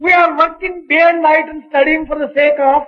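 A man translating a spiritual discourse line by line, in measured, deliberate phrasing. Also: very high voice, steady tone, dull audio. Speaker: interpreter.

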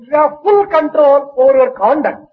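A man translating a spiritual discourse line by line, in measured, deliberate phrasing. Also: very high-pitched, animated, phone-quality sound. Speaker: interpreter.

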